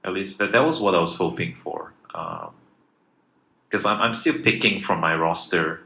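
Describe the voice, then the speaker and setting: A man's voice: sits low, normal speed, gravelly, pushed and bright. A man from Malaysia, a project founder, answering questions in a casual live Q&A with many fillers and restarts. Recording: echoey room with faint noise.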